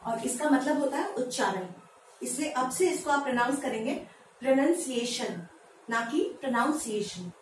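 Woman with a high voice teaching english words in hindi, sounds far off in a very echoey room, some faint hiss behind her. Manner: lively, asks viewers questions and answers them; spells words out slowly, syllable by syllable. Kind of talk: Hindi-language pronunciation lesson. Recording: echoey room, voice from a distance, faint background noise.

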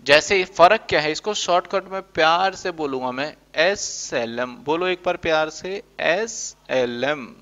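Bright-voiced male commerce teacher. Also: a little high, moderate pace, few pauses. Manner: playful, acts out student questions. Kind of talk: classroom lecture. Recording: dull lo-fi recording.

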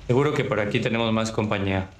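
A man giving casual, unhurried gameplay commentary on a livestream, thinking aloud as he plays. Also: on the low side. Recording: roomy echo with clear background noise.

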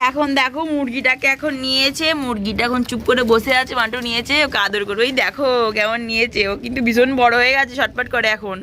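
A woman's voice: a little high, steady tone, quick pace, hardly any pauses, pushed and bright, slight background noise. Chatty young mother vlogging on a rooftop. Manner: chatty, talking to viewers while coaxing her small daughter. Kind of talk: casual vlog narration to viewers. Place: rooftop outdoors in light rain.

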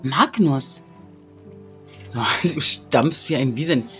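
Plaudernde Let's-Play-Spielerin mit deutschem Akzent. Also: female voice, extremely low pitch, takes it slowly, a bit bright. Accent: German. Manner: chatty, often drops into whispers. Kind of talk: casual gameplay commentary. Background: game music.

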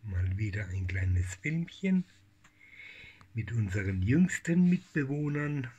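A middle-aged man, a cat breeder talking in a casual home vlog, cooing softly in baby talk and often slipping into whispers. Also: lowish voice, big pitch swings, takes it slowly, husky, highs cut off. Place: home room with kittens.

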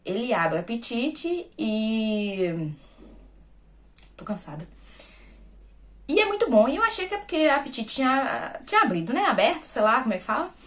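A woman's voice: fairly high pitch, sing-song, normal speed, long pauses. A woman vlogger in a casual personal storytelling style. She speaks straight to her viewers and acts out the conversations she retells. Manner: talks straight to viewers as "gente". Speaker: vlogger sharing personal news.

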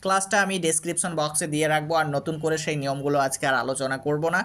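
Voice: medium pitch, rapid-fire, fairly bright tone. A teacher giving an online English reading lesson for students, talking to them directly, sounding out long words syllable by syllable and repeating them patiently. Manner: addresses students directly with instructions.

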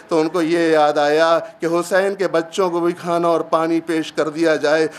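A man's voice: on the high side, slight background noise. A male preacher telling a mournful story in a sermon, often calling out to his listeners. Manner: mournful storytelling, repeated calls to the audience. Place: gathering hall.

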